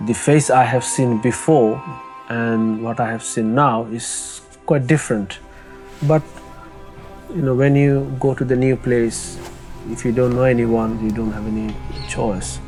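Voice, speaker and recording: A young man, telling his own story in a halting, soft-spoken way with many pauses and restarts. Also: mid-range voice, fairly even intonation, faint music behind. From Bangladesh. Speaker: interviewee. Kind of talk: personal testimony.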